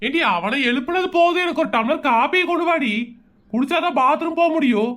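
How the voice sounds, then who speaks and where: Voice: high-pitched, quick pace, a bit bright. A performer voicing a harried office-going father in a cartoon comedy, grumbling at his wife and threatening his son. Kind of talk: Tamil cartoon comedy dub.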